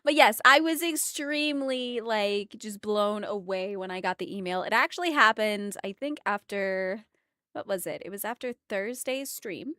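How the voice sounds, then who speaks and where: A woman's voice: mid-range voice, normal speed, sharp tone, no room sound. A woman livestreamer chatting casually and expressively with her viewers on a close mic. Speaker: livestreamer, emote artist.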